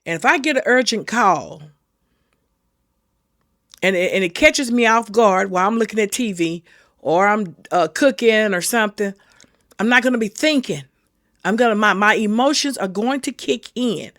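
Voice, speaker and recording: A woman's voice: mid-range voice, expressive, normal speed, a bit bright, no echo, studio quality. A middle-aged woman giving earnest, folksy advice to camera, repeating her warnings for emphasis. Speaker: senior safety channel host. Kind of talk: casual advice talk to camera.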